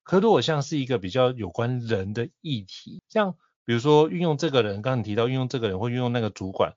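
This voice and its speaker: Male host, rapid delivery, eager interviewer; dry, slightly dull sound. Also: medium pitch, animated, a little mellow, no room sound. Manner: enthusiastic, recommending and probing. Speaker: podcast host. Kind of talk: interview questions and commentary.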